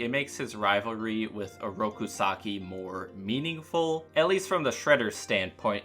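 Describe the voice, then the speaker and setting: A man's voice: lowish voice, sharp tone. A man narrating a scripted cartoon review in an informal, opinionated way. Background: background music.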